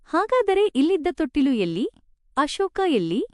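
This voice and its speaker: A desperate young mother, unsteady and clinging, her pleading voice pitched high and swooping, as a woman narrator puts her on. She wails and begs in a spoken storybook, close and dry. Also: big pitch swings, normal speed, a little mellow, no room sound. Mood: distraught. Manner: wailing, pleading.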